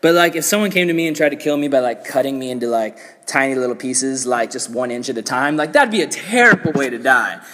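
A man's voice: mid-range voice, expressive, fast, hardly any pauses, a bit bright. A young man giving a casual, joking youth sermon, full of "like" and playful asides. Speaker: youth pastor. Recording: echoey hall reverb.

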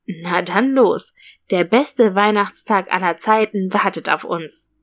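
A woman's voice: mid-range voice, takes it slowly, close to an everyday voice. A woman voicing a loving, cheerful mother in a read-aloud storybook, talking fondly to her child.

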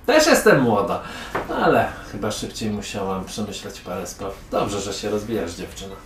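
A man's voice: on the low side, sing-song, moderate pace. A man voicing a sarcastic, condescending young woman from a merchant family in a tabletop game. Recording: echoey room, mic far off, music behind.

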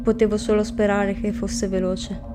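Flat-voiced woman reading a grim tale. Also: medium pitch, normal speed. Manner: flat, grim first-person narration. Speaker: storyteller. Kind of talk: dramatic story reading. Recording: music bed under the reading. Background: music underneath.

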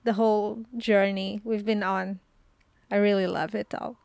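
A woman's voice: mid-range voice, level tone, measured pace, creaky, darkish tone, no echo. A woman co-hosting a casual podcast chat, speaking in a thoughtful, earnest way. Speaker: podcast co-host.

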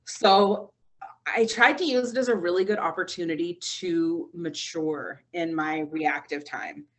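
Husky woman telling stories animatedly. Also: on the low side, unhurried. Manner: animated storytelling, acts out quoted voices. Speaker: radio morning show host, interview guest. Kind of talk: casual interview conversation.

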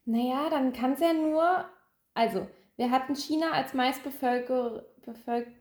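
A woman's voice: sits high, a little slow, darkish tone. A giggly, teasing woman asking quiz questions in a casual chat between friends. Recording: roomy, echoey indoor sound.

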